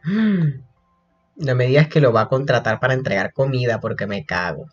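A young man chatting through a reaction video in a gossipy, excitable way, breaking into high shrieks. His pitch leaps all over the place, and the recording sounds dull and lo-fi, like a home setup. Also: moderate pace, soft background music. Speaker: reaction vlogger. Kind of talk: casual reaction commentary.

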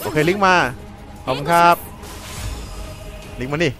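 A man with a Thai accent giving casual, excitable commentary over a video game, repeating catchphrases as he plays. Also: a little high, unhurried, music in the background, poor audio. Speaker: gameplay commentator.

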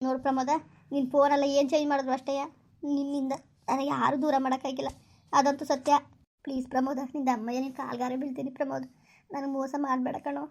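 A woman's voice: sits high, little pitch movement, quick pace, gravelly. A woman playing a heartbroken girlfriend begging. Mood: pleading. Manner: pleading, tearful, repeats please. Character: heartbroken young woman begging her lover. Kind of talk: village skit acting.

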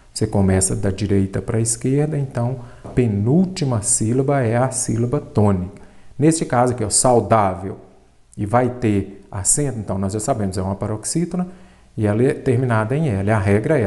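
A man's voice: mid-range voice, dark tone. A man with a Brazilian Portuguese accent teaching an exam-prep grammar lesson, asking questions and answering them himself. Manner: explanatory, asks and answers his own questions.

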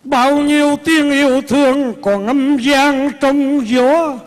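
A man playing old Điệp singing high and slow. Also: steady tone. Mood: lamenting. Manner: slow, drawn-out sung verses. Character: old man Điệp, a remorseful former lover. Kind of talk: comic cải lương singing and speech. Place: outdoor live stage. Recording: live stage mic over loud guitar.

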